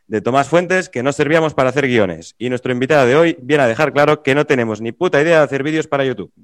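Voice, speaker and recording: A man's voice: mid-range voice, quick pace, no echo. A man from Tarragona hosting a podcast, chatting casually and laughing easily. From Tarragona, Catalonia. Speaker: podcast host.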